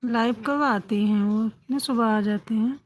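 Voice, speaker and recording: A woman chats casually with viewers on a phone livestream, greeting each one by name. Her voice sits slightly high. She keeps the talk going with repeated little affirmations. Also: unhurried. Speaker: livestream host. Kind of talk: casual chat with live viewers.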